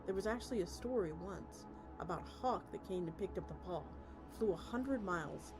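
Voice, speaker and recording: With music underneath, a woman VTuber streamer reads a story aloud in a lowish, expressive voice at a moderate pace. She stumbles over words now and then and starts lines over.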